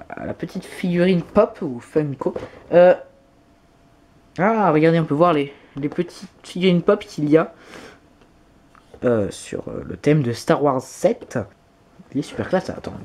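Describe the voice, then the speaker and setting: His fairly high, darkish voice has lively intonation and moves at a normal pace. The man is a YouTuber unboxing items at home for a vlog, gushing enthusiastically with lots of exclamations.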